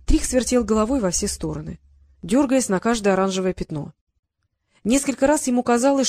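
Woman audiobook narrator, steady and even, dry close mic. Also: medium pitch, no echo. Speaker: audiobook reader.

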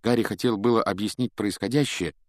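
A male audiobook narrator with a lowish voice. He tells the story in a measured, expressive way. The recording is dry and close to the mic. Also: no room sound. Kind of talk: scripted narration.

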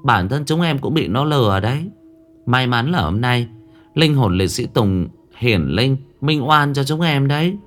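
A man's voice: mid-range voice, animated, measured pace, soft background music, pitched above the performer's own voice, close to an everyday voice. A man voicing a scheming psychic who films and persuades a crowd in a raised, dramatic voice. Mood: dramatic persuading. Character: scheming psychic-team leader filming a crowd.

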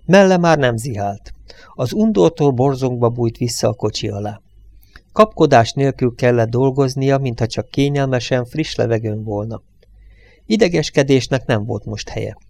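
A man reading an audiobook in a calm, measured narrating voice. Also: mid-range voice, vocal fry, no room sound.

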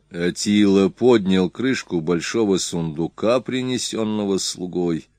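A man reading an adventure story aloud in measured, expressive narration. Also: low-pitched, dry recording, studio quality. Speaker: audiobook reader. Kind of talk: scripted narration.

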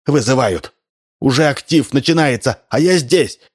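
A man's voice: medium pitch, expressive, normal speed, voice pushed up, lightly acted. A man reading a story aloud voices a frightened, evasive male double of the hero who panics and pleads. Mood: panicky. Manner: nervous, hissing, pleading.

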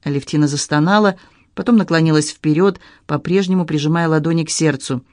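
A man reading an audiobook in measured, even narration. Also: on the high side, dry recording, studio quality. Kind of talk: scripted narration.

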